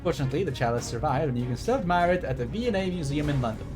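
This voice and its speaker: Racing along with lively intonation, a man streaming a game reads the on-screen text aloud and drifts into enthusiastic tangents. His voice sits on the high side, and music plays in the background.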